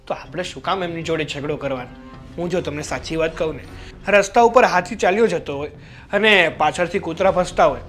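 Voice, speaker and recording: An actor playing an earnest young brother-in-law who tries to persuade his sister-in-law and gets loud. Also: high voice. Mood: persuading.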